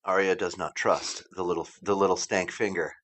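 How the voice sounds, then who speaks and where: A man's voice: low voice, fairly even intonation, brisk, fairly bright tone, a little hiss or hum. A man from Canada co-hosting a casual podcast, cracking jokes and swearing while recapping a TV episode. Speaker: podcast co-host. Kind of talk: casual chat.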